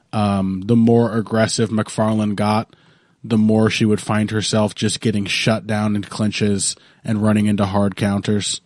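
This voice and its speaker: A man's voice: on the low side, no room sound, studio quality. A young man with a sick, congested voice, co-hosting a casual podcast, rambling and swearing often. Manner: rambling, profane, laughs often. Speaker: podcast co-host.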